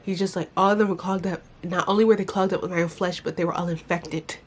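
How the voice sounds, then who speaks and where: A woman's voice: lowish voice, steady tone, fast, slightly rough. A young adult woman with a congested, blocked-nose sound, talking candidly and informally in a casual personal vlog, complaining with some mild swearing. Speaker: vlogger.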